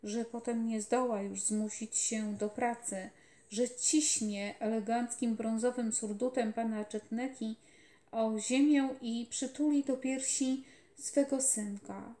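Woman storybook narrator, slightly high voice, slow and calm, echoey room. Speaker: mother reading aloud. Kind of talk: audiobook narration. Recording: roomy echoey home recording.

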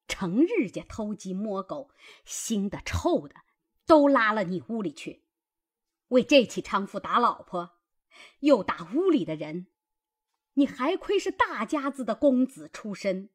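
A man's voice: high-pitched, voice pushed up, heavily acted. A man voicing a stern, commanding old grandmother who scolds her grandson.

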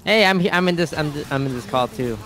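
A man's voice: fairly high pitch, expressive, fast, a crowd in the background. A man on a voice call, pushily and overeagerly playing the best-buddy act. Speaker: streamer on a voice call. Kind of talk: joking voice call banter. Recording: noisy voice call audio.

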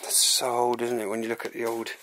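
A man's voice: medium pitch, completely flat delivery, quick pace, pushed and bright. A young man giving a casual walk-through commentary to viewers while exploring. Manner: chatty, addresses viewers as guys. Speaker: urban explorer vlogger. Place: cluttered abandoned house indoors. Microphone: handheld or body camera. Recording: noisy handheld camera audio.

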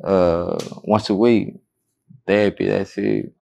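A young man talks low and tersely, with a deep, gravelly fry under his words. He mumbles short, slangy answers while seated indoors. He is recorded close on a lapel mic. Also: little pitch movement, slow pace, mellow. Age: young adult. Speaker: rapper, interview guest. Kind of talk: casual interview.

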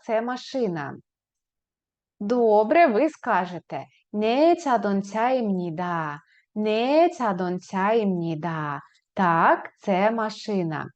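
A woman teaching a beginners' language lesson, modeling phrases slowly and raising her pitch on questions. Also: darkish tone. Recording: slightly dull, lo-fi recording.

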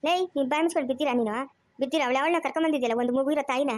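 A woman playing a shrill furious scolding wife. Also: rapid-fire, no echo, close to an everyday voice. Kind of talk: amateur family drama.

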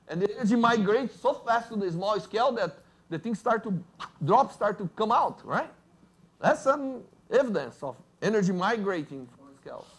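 A man with a Brazilian Portuguese accent, a native Portuguese speaker, giving a lively university physics lecture and joking with the audience. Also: high voice. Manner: lively, jokes with audience, asks "right?".

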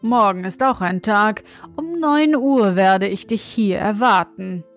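A woman's voice: medium pitch, faint music behind. A woman voicing a grumpy old castle crone. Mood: unhurried. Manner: unhurried, quietly reproachful.

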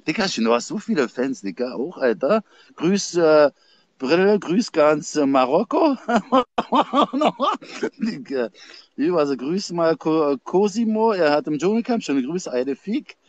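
A man with a Berlin accent hosting a livestream, rambling in slang with shout-outs. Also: fairly high pitch, very animated, a little slow. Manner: slangy, rambling, calls everyone Dicker. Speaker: livestream host.

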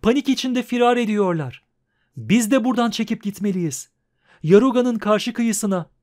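A man voicing a panicky young male bard who talks fast and pleads shrilly in an audiobook. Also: high voice, animated, darkish tone, voice pushed up. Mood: panicked.

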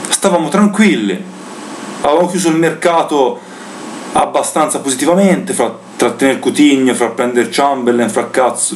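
Male, twenties, football-fan vlogger: exasperated sweary rant, mid-range voice, faint hum on a webcam mic. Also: mid-range voice. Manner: exasperated, repetitive cursing. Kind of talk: casual spoken rant about a match. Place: small room indoors. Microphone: webcam or computer mic at desk distance.

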